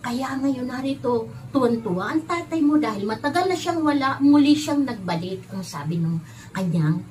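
A woman teaching Sunday school, telling a story to children in an animated way, often speaking to them directly and acting out the characters' lines. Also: sits high, moderate pace.

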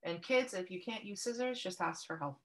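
A woman from Canada, working as an art workshop instructor, takes students through an online paper craft session step by step, with patience and kindness. She speaks at a normal speed in a fairly low voice.

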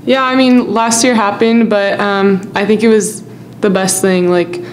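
A young woman softball player keeps her press-conference answers short and upbeat. A faint hum sits behind her voice. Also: medium pitch, steady tone, unhurried, rough recording.

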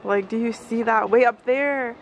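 A woman's voice: on the high side, moderate pace. A young woman chatting to viewers of her travel vlog as she tours a city. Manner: chatty, upbeat, addresses viewers. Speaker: vlogger. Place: outdoors in a busy city. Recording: noisy street with crowds.

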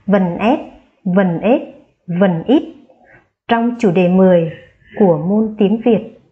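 Very slowly and clearly, a woman primary school teacher spells out each sound in an online phonics lesson for young children, her voice climbing on the key words she wants echoed back. The drawn-out lesson is captured in a slightly dull, muffled recording.

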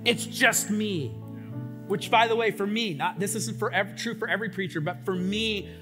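A man with a notably high, youthful surfer-kid voice preaches a sermon in a church sanctuary. He talks informally and earnestly, slipping in plenty of "like" and "um". Music plays clearly beneath his words. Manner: informal and earnest, acts out his own prayers; says "like" and "um" often. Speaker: pastor.

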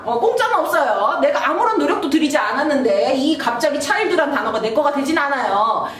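Woman English teacher, animated and high, drawing out sounds slowly; echoey room, voice off mic. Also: distant mic, slight background noise. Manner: lively, sounds out syllables slowly, acts out student questions. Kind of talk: basic English lesson.

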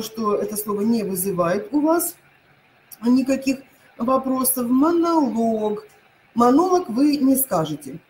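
A woman teacher giving an online lesson, repeating each word pair slowly and hesitating often. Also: mid-range voice, slight background noise, rough recording.

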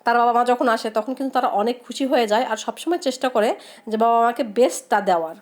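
A young woman with a voice hoarse from a cold, chatting in a heartfelt, rambling way while she cooks. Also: a little high, racing. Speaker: cooking vlogger. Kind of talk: casual chat while cooking.

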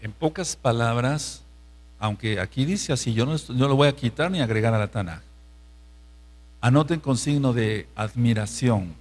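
Mexican pastor guy preaching a bible study, mid-pitched voice, repeats himself a lot, keeps checking the crowd gets it. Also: normal speed. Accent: Mexican Spanish. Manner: emphatic, repeats phrases, asks the congregation questions. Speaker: pastor teaching Torah study. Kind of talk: sermon-style Bible study.

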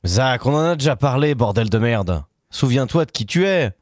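A man's voice: mid-range voice, expressive, normal speed, no echo, clean studio sound. A man in his thirties co-hosting a livestream with casual, teasing banter and some swearing. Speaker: livestream co-host.

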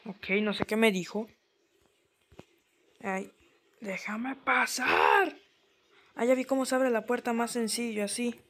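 A woman giving let's-play commentary as a gaming host, excitable, yelping and laughing when startled. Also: fairly high pitch, moderate pace, long pauses, slight background noise.

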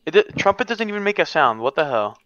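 A young man chatting during an online game, excitable, repeating himself and swearing. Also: fairly high pitch, fast talker, dry recording. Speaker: gamer in voice chat. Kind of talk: casual gaming chat. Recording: dull lo-fi mic with faint noise.

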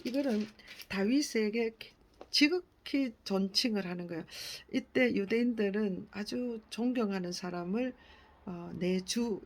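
A woman leading a Bible reading. She reads scripture aloud carefully and often corrects herself. She explains the passages in a gentle, admiring way. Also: mid-range voice, breathy edge.

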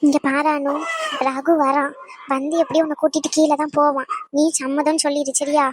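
A woman's voice: sits high, little pitch movement, normal speed, lightly acted. A woman voicing a young woman in a cartoon who coaxes and persuades a friend. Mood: coaxing. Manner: coaxing, persuasive.

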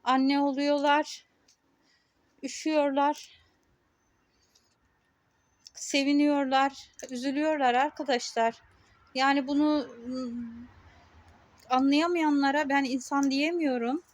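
A woman with a high voice talks straight to her camera outdoors. She is indignant and emphatic, and she hammers her point home in short, repeated phrases. Her tone is plain and conversational. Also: steady tone, slow pace, long pauses, no room sound. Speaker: vlogger. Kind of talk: casual talk to camera. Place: outdoors on a street.

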